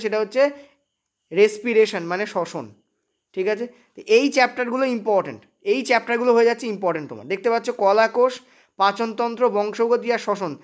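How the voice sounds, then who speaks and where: A fast-talking teacher with a West Bengal Bengali accent runs through an online exam-prep lesson at a quick clip. The voice sits at an ordinary middle pitch. It keeps checking in with the students and mixes English words into its Bengali. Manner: brisk, repeats "okay?" checks, mixes in English terms; thinks aloud while checking notes.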